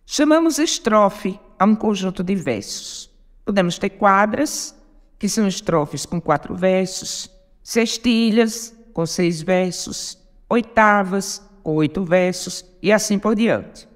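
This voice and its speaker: Woman, podcast lesson, deliberate, patient, counts syllables aloud, reverberant hall sound. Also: medium pitch. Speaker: podcast host teaching poetry. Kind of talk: slow spoken lesson.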